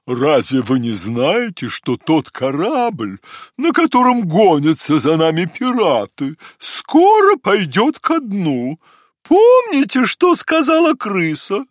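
A man voicing a calm, wise female owl in a fairy tale audiobook, speaking in a slow, high, sing-song scolding tone. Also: dry recording, clean studio sound, exaggerated voice. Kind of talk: storybook reading.

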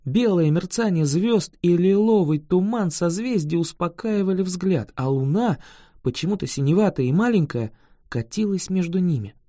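An audiobook reader tells a fantasy story in a calm, measured way. The voice sits at a middle pitch and sounds close and dry. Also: no echo. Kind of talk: scripted fantasy narration.

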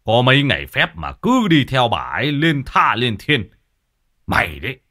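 A man voicing a stubborn, gruff old father, who scolds curtly and swears. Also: mid-range voice, wildly swooping pitch, normal speed, pushed and bright, pitched above the performer's own voice, exaggerated voice. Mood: gruff scolding. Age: older. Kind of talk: story narration with acted voices.

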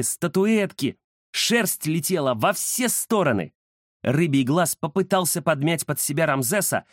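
A man narrating a children's adventure story in a dramatic, expressive way. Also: a little high, no echo, clean studio sound.

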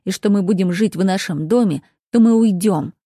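A protective young nobleman in an audiobook, voiced by a woman narrator. He speaks firmly and heatedly, in a warm, mellow tone. The recording is close and dry. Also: mid-range voice, moderate pace, no echo, lightly acted. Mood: defiant. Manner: firm, heated outbursts.

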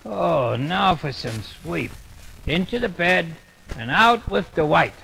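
A gravelly fussy cartoon hotel guest. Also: male voice, on the high side, lively intonation, slow pace, background noise, full character voice. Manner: fussy and complaining. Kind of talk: vintage cartoon radio acting.

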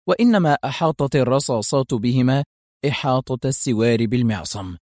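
A man narrating an audio spy novel in a measured, dramatic storytelling style. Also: mid-range voice, a little mellow, no echo, studio quality.

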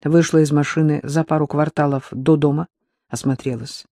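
A man reading a crime novel aloud as narrator, in a steady storytelling manner. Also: on the high side, moderate pace, no room sound, studio quality. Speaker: audiobook narrator. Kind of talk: scripted narration.

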